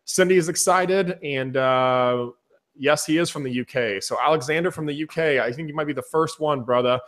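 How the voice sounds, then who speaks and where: Enthusiastic male webinar host. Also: normal speed. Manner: energetic, enthusiastic pitch to viewers. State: losing his voice. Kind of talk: casual webinar chat.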